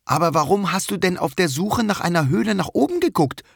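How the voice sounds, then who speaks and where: A man's voice: mid-range voice, huge pitch swings, normal speed, husky, dry recording, studio quality, voice pushed up, heavily acted. A man voicing a grumpy small male insect in a children's story, grumbling and suspicious. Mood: grudging.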